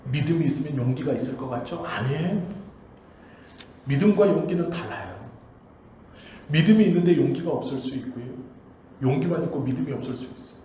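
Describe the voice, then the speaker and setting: A man's voice: a little high, lively intonation, a little fast, pauses often, warm tone, slight background noise. A male pastor preaching a Sunday sermon with emphatic, repetitive exhortation into a pulpit microphone. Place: church sanctuary. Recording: very echoey church hall.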